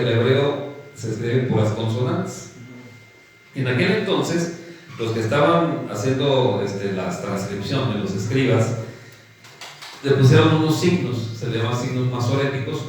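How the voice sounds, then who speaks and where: A man's voice: medium pitch, animated, measured pace, a little hiss or hum. A man with a Mexican Spanish accent preaching a teaching sermon, who keeps checking in with his listeners by asking "¿sí?" and calls them "hermanitos". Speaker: pastor. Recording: echoey hall from a distant mic, faint ambience.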